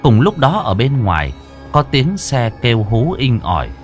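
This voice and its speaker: A man's voice: mid-range voice, wildly swooping pitch, measured pace. A man narrating a ghost story in a dramatic, scripted style. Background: faint music.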